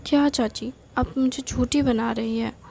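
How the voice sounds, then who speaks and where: A woman's voice: a little high, fairly even intonation, measured pace, vocal fry, darkish tone, a little hiss or hum. A woman playing a pouty little sister. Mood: complaining. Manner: pouty, complaining. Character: cheeky young girl, quarrelsome little sister.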